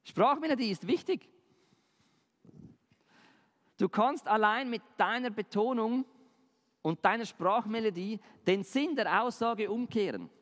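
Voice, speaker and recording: A man's voice: sits high, moderate pace, fairly bright tone, in a large hall. A man explaining language and communication in a conversational way, talking straight to the viewer and asking questions. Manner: conversational, addresses viewer directly, asks questions. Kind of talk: explanatory video talk addressing the viewer.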